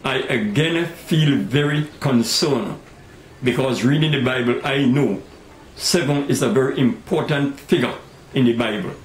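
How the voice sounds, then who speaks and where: A very old man in his nineties with a Tobagonian accent, telling his life story in an interview in deliberate, earnest phrases with pauses. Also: mid-range voice. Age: 90s. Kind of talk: oral history storytelling with scripture quotes. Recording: echoey room with faint background noise.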